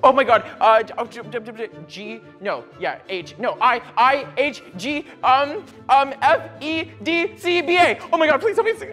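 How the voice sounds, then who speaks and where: Flustered, animated young man. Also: extremely high pitch, moderate pace, few pauses, faint music behind. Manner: dramatic and flustered, gasping. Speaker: contestant. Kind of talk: casual game-show banter.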